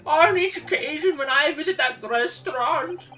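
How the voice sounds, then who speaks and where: A woman voicing an eccentric, fretful old man in a video game, with drawn-out, archaic, theatrical delivery. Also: high voice, bright, forceful tone, distant mic. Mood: plaintive, theatrical. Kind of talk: video game character dub.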